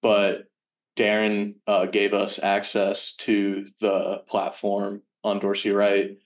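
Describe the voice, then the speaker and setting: Sounding a good way from the microphone, a man in his early twenties gives casual interview answers as a podcast guest. His voice is on the low side and very monotone. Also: slow pace. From Virginia, United States. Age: early 20s. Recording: distant from the microphone.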